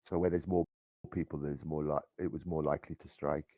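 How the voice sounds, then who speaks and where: A man running a tabletop horror game as game master, talking in a halting way with many restarts. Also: extremely low pitch, little pitch movement, warm tone, no echo.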